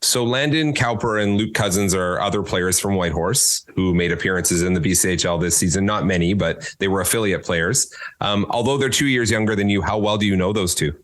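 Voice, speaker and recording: A man hosting a podcast interview, asking questions in an upbeat, lively way. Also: deep voice, a little fast. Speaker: podcast host.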